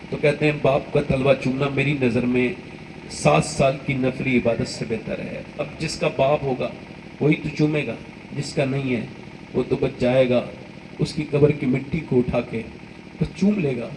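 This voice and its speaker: A man's voice: mid-range voice, far from the mic, background noise. An older man preaching an impassioned, emotional sermon outdoors at a graveside.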